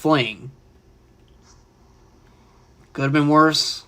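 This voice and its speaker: Young man, livestreamer, casual opinionated chatter, fairly high voice, faint music underneath. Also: fairly even intonation, extremely slow, a bit bright, clean tone. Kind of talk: live gameplay commentary.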